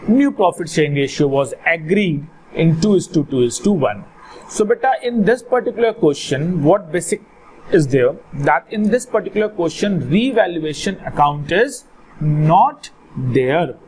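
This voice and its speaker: A man with a North Indian accent teaches a lesson in a somewhat high voice. He repeats key phrases and checks in with questions, slipping in Hindi words. There is some noise behind him. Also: expressive, normal speed, a little mellow. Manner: repeats phrases, addresses student affectionately, mixes in Hindi words. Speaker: accountancy teacher. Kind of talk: instructional lesson with call-and-response questions. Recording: clearly noisy background.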